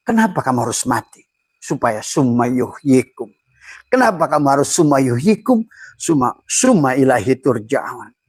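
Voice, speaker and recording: A man's voice: medium pitch, husky, no echo. An older male preacher, giving a sermon that recites Arabic verses and explains them with rising, emphatic phrases. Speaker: Islamic preacher.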